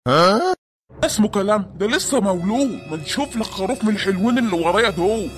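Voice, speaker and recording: A man's voice: high-pitched, lively intonation, fast talker, fairly bright tone, faint music behind. A man voicing a wary, haggling sheep seller in an Egyptian cartoon, with an Egyptian accent. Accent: Egyptian Arabic.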